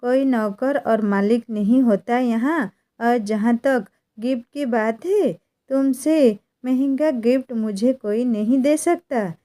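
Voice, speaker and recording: A woman's voice: on the high side, slow pace, warm tone, no echo. A woman voicing a bold young landlord's daughter in a read-aloud story, confident and teasing. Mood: assertive.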